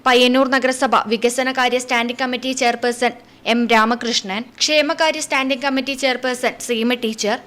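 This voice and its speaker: A woman newsreader reading local news in a formal, measured delivery. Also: fairly high pitch, fairly even intonation, fairly bright tone.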